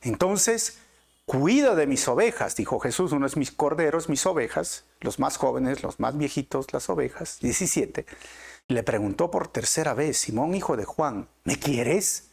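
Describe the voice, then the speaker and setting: Middle-aged male pastor, gravelly, earnest sermon delivery with swelling emphasis. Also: on the high side, lively intonation, moderate pace, a little mellow. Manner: earnest preaching, rising and falling emphasis.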